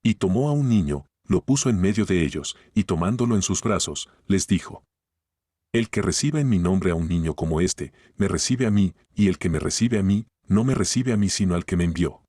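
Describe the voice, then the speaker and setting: A low-voiced man reads scripture aloud in short, even phrases. His tone has a dry, close sound with little room around it. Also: no room sound. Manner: steady, measured reading in short phrases. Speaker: Bible reader.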